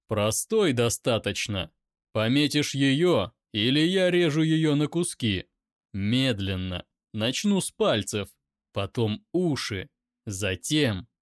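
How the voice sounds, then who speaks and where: A male narrator voicing a cruel, mocking male captor who taunts loudly and gleefully. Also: mid-range voice, sing-song, slow. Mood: menacing.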